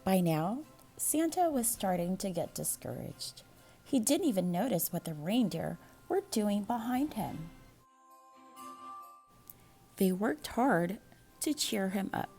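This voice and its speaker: In a creaky mid-range voice, a woman reads a children's picture book aloud like a school librarian, animated and measured, with dramatic pauses. Faint music plays behind her.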